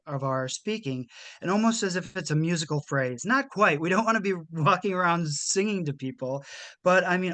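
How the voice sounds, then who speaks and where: A man in a conversational interview talks through ideas at a measured, thoughtful pace and restarts phrases as he goes. His voice sits a little high for a man. The sound is dry, with almost no room around it. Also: sharp tone, no room sound. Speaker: guest expert on communication. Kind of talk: explanatory interview talk.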